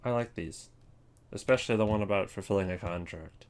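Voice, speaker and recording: A man with a lowish voice speaks briskly, his tone clean. He's a video creator ranking game voice lines, offering casual, rambling commentary in an offhand, hesitant way and often interrupting himself.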